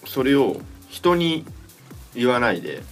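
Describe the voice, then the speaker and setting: A man co-hosting a casual podcast chat, talking in a soft and hesitant way. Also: medium pitch, very animated, takes it slowly, faint music behind.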